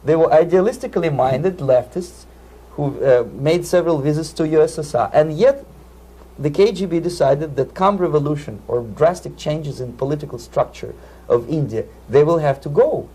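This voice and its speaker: A man's voice: on the high side, normal speed, mellow, breathy edge. A man from the Soviet Union with a Russian accent, giving earnest, lecturing answers in an interview and often repeating words as he searches for them. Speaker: interview guest.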